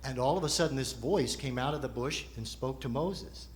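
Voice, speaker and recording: A man's voice: mid-range voice, normal speed, slight background noise. A man performing as a ventriloquist's straight man, asking patient, explanatory questions in a conversational stage routine.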